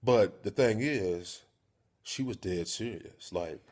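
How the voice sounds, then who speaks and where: A man's voice: lowish voice, takes it slowly, a little mellow. A young man vlogging, casually telling stories with lots of profanity, acting out scenes with stammering and a raised voice. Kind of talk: casual storytelling to camera.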